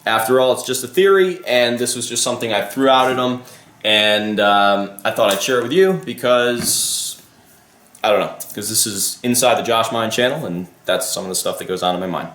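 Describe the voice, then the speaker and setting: Here the same kind of speaker, a male vlogger and life coach, has a lowish, fairly bright voice at a moderate pace, with reverb and slight background noise. He rambles through his thoughts on camera, losing his thread, starting again, and swearing casually.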